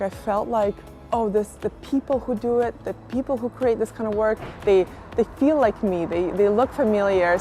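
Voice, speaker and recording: Reflective woman artist over soft music. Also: mid-range voice. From Kazakhstan. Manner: reflective, many fillers like "sort of" and "like". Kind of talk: interview monologue.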